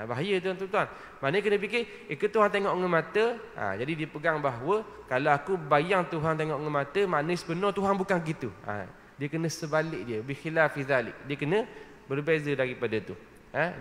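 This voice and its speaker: A man with a somewhat high-pitched voice delivers a mosque lecture. His delivery is conversational, and he keeps checking in with his audience. The sound carries the long reverb of a mosque hall. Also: a bit bright. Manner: conversational preaching, frequent "ha?" checks with listeners. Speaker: religious lecturer.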